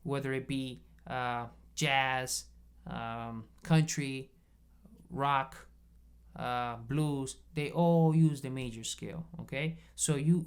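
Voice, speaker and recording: A man teaching bass guitar in a casual video lesson, explaining patiently step by step and checking in often. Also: smooth. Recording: bass guitar playing between phrases.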